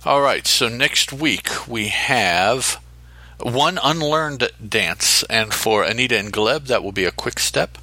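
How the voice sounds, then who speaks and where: Man with a dry, sharp voice. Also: mid-range voice, animated, no echo. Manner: halting, with restarts and counting aloud. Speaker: podcast co-host. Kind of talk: casual chat.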